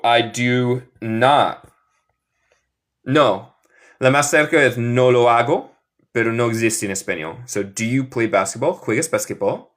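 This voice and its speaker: A man teaches through in a live online lesson, speaking at a very slow, unhurried pace. His pitch sits in an ordinary middle range. He drills phrases patiently and switches easily between the two languages. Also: a bit bright. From United States. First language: English. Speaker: English teacher.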